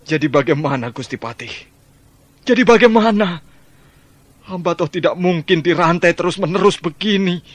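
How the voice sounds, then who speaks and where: A man's voice: high voice, moderate pace, no echo, close to an everyday voice. An actor playing a fearful old male servant who begs and sobs for mercy in a radio drama. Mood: anxious. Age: older. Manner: whining, begging, sobbing. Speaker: servant of the minister.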